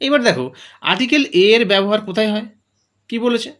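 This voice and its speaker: A male teacher walks through grammar rules step by step. His voice sits high and rises and falls with lively emphasis. He keeps asking his own questions and answering them. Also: fast. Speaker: English teacher.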